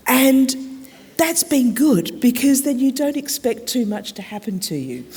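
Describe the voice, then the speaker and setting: An Australian woman tells her story from a stage, reflective and measured, leaning on pauses. Her voice sits low and mellow with a husky edge. The sound carries a long echo from a large hall. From South Australia. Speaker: keynote speaker. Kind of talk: personal storytelling talk. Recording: echoey hall.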